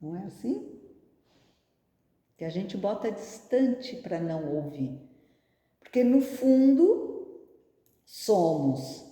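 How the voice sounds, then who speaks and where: A woman's voice: low voice, dark tone. A woman giving a reflective spiritist talk, often asking rhetorical questions. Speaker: spiritist speaker. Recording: echoey hall.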